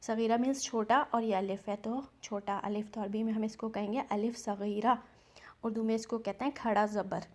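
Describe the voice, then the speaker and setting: A woman teaching Quran recitation, patiently explaining each rule and stretching out example words slowly. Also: a little high, steady tone, darkish tone. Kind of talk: step-by-step recitation lesson.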